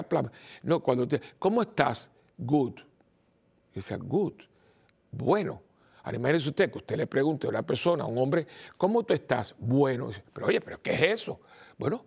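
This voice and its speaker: An older male priest with a mixed Spanish accent, giving a rambling informal homily, repeating words and pausing with fillers. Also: mid-range voice, vocal fry, darkish tone, husky.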